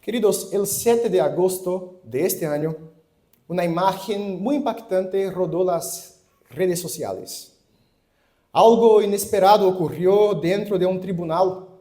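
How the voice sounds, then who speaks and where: A man with a Chilean Spanish accent, a pastor preaching a sermon, reading scripture in a deliberate, measured way before telling a story. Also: high voice, warm tone.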